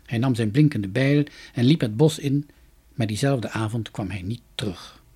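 A man reading a fairy tale aloud, with calm, soft storybook narration. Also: medium pitch, moderate pace, husky.

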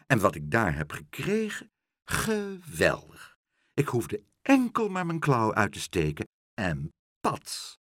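A man's voice: mid-range voice, huge pitch swings, slow, fairly bright tone, dry recording, studio quality, exaggerated voice. A man voicing a sly, boastful tomcat in a children's storybook reading. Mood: smug teasing. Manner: smug, teasing.

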